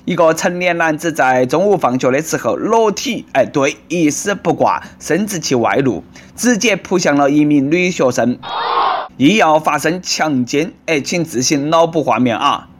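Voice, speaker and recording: A man with a Nanchong Sichuanese accent riffs on the news in a sarcastic, teasing tone. His voice sits a little higher than most men's. He talks to his listeners as if chatting with friends. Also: lively intonation, moderate pace, some chatter behind, slight background noise. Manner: sarcastic, bantering. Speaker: comedic news commentator. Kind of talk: comic news commentary.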